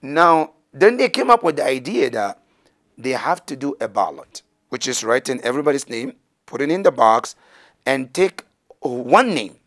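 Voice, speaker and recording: A man's voice: medium pitch, big pitch swings, normal speed, a bit bright. A middle-aged man telling a religious story as a teacher, gesturing and acting out the voices of the people in it, in a small indoor studio on a lapel mic. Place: studio set with banners, indoors.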